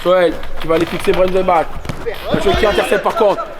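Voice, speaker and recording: A man doing excited live sports commentary, calling out players' names in short bursts and exclamations. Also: sits high, brisk. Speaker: match commentator. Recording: loud crowd and bouncing ball behind. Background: crowd noise, ball bounces.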